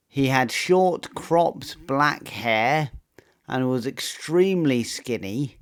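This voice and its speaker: A man narrating a true personal story in a measured, matter-of-fact scripted way. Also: medium pitch, a little mellow.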